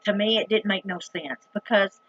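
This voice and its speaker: A Southern-accented woman in middle age, a vlogger from the rural US, shares a story with her viewers, casual and dramatic, emphatic and folksy in plain-spoken fashion. Her mid-range voice moves at normal speed with a fairly bright tone and a breathy edge, captured in a muffled recording.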